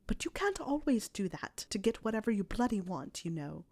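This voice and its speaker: A woman reading aloud, voicing a clever, bossy teenage witch who is prim and quick to lose patience. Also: medium pitch, big pitch swings, warm tone. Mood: exasperated. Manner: prim, exasperated, quick-tempered.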